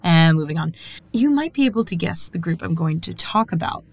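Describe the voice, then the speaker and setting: A woman hosting a podcast with a slightly low voice. She talks in a chatty, friendly way and laughs often as she moves from a prepared segment to a loose conversation. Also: lively intonation, fairly quick, creaky, dry recording, poor audio. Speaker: podcast host. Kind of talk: scripted segment and casual interview.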